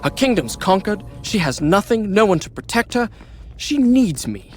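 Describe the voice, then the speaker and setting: The proud, sardonic Prince of Persia, animated. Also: male voice, sits high, moderate pace. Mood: musing, self-persuading. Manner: wry, sarcastic, talks to himself. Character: proud, boastful young prince, sardonic and self-doubting adventurer. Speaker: video game protagonist and narrator. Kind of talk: dramatic game dialogue and musing narration. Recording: game music behind the voice.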